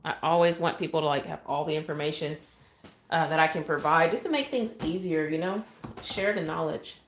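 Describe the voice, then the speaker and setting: A woman's voice: sits low, brisk, a little hiss or hum. A chatty woman, demonstrating cake decorating on a live stream and often thanking her viewers.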